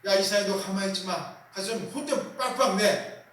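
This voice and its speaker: A man's voice: high-pitched, normal speed, fairly bright tone. A man voicing God as a blunt, commanding figure who gives a prophet casual orders. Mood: urging. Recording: very echoey room, voice from a distance.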